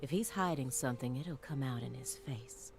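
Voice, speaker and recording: An actress playing a stern, formal FBI agent in a video game, controlled and deliberate. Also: female voice, very deep voice, over loud music. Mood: suspicious, musing.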